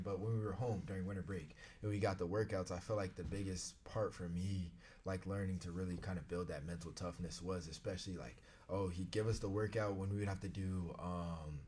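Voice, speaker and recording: A man's voice: sits low, a little hiss or hum. A young man, a college runner, chatting in a laid-back, slangy way. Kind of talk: casual chat.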